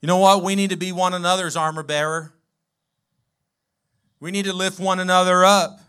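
Man, pastor, sermon, high voice, bright tone, emphatic call-and-response. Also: steady tone, moderate pace, smooth. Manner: rising, emphatic preaching with call-and-response to the congregation.

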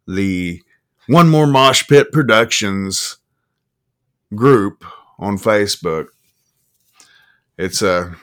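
A man hosting a podcast, rambling and swearing, with erratic jumps in pitch and pace. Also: fairly bright tone, smooth. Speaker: podcast host. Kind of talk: rambling casual chat.

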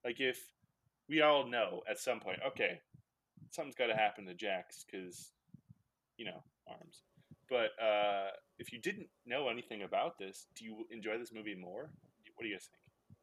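Bright-voiced man recapping a movie. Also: fairly low pitch, lively intonation, moderate pace, slightly rough. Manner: rambling, laughing storyteller with many fillers. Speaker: podcast host. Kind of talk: casual podcast movie recap.

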